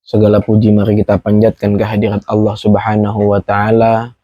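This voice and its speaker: Low flat-voiced Indonesian preacher. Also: male voice, brisk, no room sound, highs cut off. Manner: rhythmic repetition, declamatory. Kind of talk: sermon.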